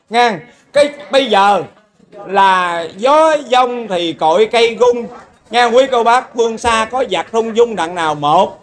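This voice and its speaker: A man's voice: very high-pitched, a bit bright. A man with a Southern Vietnamese accent giving a folksy sermon as a lay preacher, telling stories and often asking his listeners for agreement.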